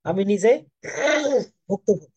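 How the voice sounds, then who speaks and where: A soft-spoken man in his thirties from Bangladesh, teaching an online English class for admission coaching. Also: high-pitched, steady tone, normal speed, breathy edge, no echo, rough recording.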